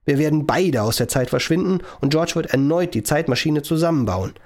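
A man voicing an irritable male professor who invented a time machine, talking in a sharp, lecturing, commanding way. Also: a little high, expressive, brisk, pitched above the performer's own voice.

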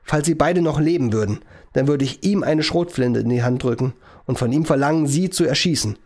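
A man voicing an irritable male professor who invented a time machine, talking in a sharp, lecturing, commanding way. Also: a little high, lively intonation, normal speed. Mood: angry.

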